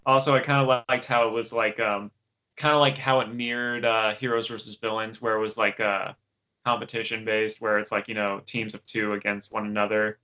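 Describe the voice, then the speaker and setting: A man's voice: on the low side, level tone, brisk, pushed and bright, low-quality recording. A young man co-hosting a podcast, chatting casually about a TV show with lots of fillers and restarts. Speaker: podcast co-host. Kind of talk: casual chat.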